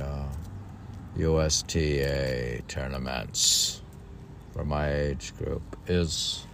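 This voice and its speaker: Reading from a book, an older man who hosts a podcast drifts into loose, self-mocking asides, musing aloud and going back over passages. His voice is low and gravelly with a slightly mellow quality, and a faint hiss or hum sits in the audio.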